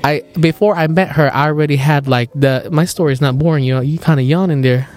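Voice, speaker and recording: A young man hosting a podcast, casually telling animated stories, laughing often and mimicking other people's voices. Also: a little high, fairly quick. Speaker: podcast host. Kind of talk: casual storytelling chat.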